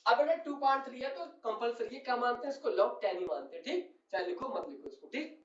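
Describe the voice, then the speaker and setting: Guy teaching chem, really high voice, keeps asking if u got it, sounds far off and kinda dull. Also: expressive, a little fast. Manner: calls students "beta", keeps checking they follow. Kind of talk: chemistry lesson. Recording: echoey, distant, dull sound.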